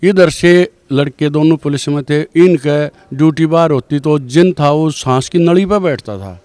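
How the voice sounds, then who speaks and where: A man's voice: fairly high pitch, normal speed, a little mellow, no room sound. An older man tells a personal testimony story in a rambling way, with many restarts. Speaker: devotee giving testimony.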